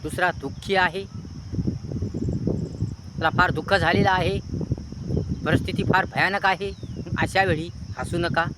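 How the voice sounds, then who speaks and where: A man's voice: sits high, fairly even intonation, unhurried, pauses often, very noisy. A man giving a preachy moral talk, listing near-synonyms in long repetitive chains. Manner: earnest, preachy. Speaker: motivational speaker. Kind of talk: moral advice monologue.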